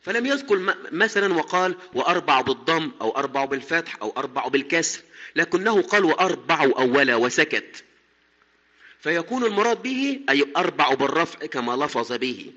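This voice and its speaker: Bright-voiced male teacher, slow and repetitive. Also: on the high side, lively intonation, in a large hall, lo-fi sound. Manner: explains step by step, repeating key terms; chants quoted verses slowly. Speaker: teacher of Quran recitation. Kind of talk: recorded lesson explaining verse.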